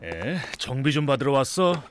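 A man's voice: medium pitch, sing-song, moderate pace, very noisy, natural voice. Man as easygoing young cartoon policeman. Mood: relaxed friendly. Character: friendly young male police officer, easygoing uncle. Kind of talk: children's animated series acting.

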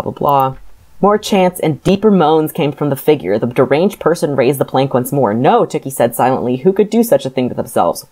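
Woman podcast co-host, low voice, sardonic, filler-heavy recap. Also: dark tone. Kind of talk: casual book recap.

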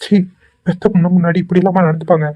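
In this Tweencraft cartoon voice acting, a performer plays a kind young man who is worried, pleading anxiously and talking fast with a concerned mood. The voice sits in the mid range with a flat delivery, sounds natural, and the recording is lo-fi.

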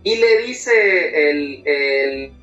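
A man's voice: on the high side, expressive, drawn-out words, sharp tone. A man with a Mexican accent, a podcast host chattily retelling a comic story and acting out the dialogue. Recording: roomy, muffled podcast audio with faint music.

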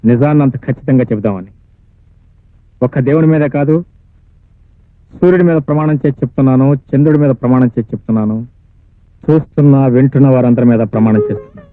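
A man's voice: medium pitch, fast talker, long pauses, lightly acted. An actor playing a defiant man confessing in court. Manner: bold, sarcastic, rising to shouts. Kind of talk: 1980s film courtroom drama. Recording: tinny lo-fi film soundtrack with faint music.

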